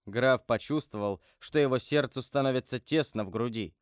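Smooth-voiced male audiobook narrator. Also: mid-range voice, no echo, clean studio sound. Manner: measured, expressive reading. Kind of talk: scripted literary narration.

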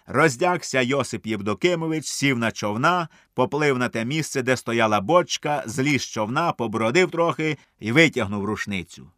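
A man's voice: mid-range voice, normal speed, few pauses, no echo, clean studio sound. A man reading a humorous story aloud in a wry, storytelling manner. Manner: lively, wry comic storytelling.

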